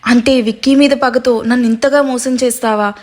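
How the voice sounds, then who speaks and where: Defiant, accusing young woman, read by a woman storyteller, high and even. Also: normal speed, close to an everyday voice. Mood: furious.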